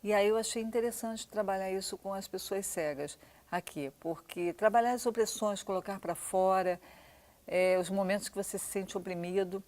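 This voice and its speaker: A woman's voice: mid-range voice, normal speed, a little mellow. A woman theater director explaining her method in a documentary interview, thoughtful and searching for words. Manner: thoughtful, explanatory, with frequent restarts.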